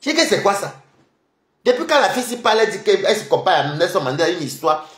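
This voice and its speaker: A man's voice: high-pitched, quick pace. Scornful man gossiping on stream. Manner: animated, scornful, repeats words. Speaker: live-stream commentator. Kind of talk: mocking gossip commentary. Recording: roomy echo.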